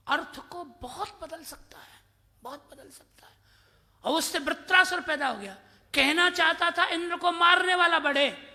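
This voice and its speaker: A man's voice: very high voice, bright, forceful tone. A man in his fifties from Mathura giving a devotional scripture discourse, telling stories and quoting Sanskrit verses, acting out the voices in his anecdotes. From Mathura, India. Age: 50s. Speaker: religious discourse speaker. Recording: long hall reverb.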